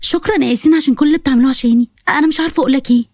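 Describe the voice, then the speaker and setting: Storybook role: shy, anxious young Egyptian woman, high and quick, voiced by a woman. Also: darkish tone, dry recording, clean studio sound. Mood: wistful. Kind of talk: storybook voice acting.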